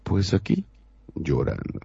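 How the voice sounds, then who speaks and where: A man with a very low, gravelly and husky voice tells a tale slowly and dramatically, his pitch ranging widely. His voice is dark. The recording is dull and dry. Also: huge pitch swings, dry recording. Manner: slow, dramatic storyteller voice. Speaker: co-host. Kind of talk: casual radio chat, storytelling.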